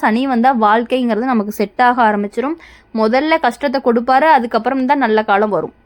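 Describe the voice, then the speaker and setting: A woman presenting a horoscope in a reassuring, scripted way, speaking straight to the listener. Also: high-pitched. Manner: reassuring, repetitive, direct address to listener. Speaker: astrology presenter.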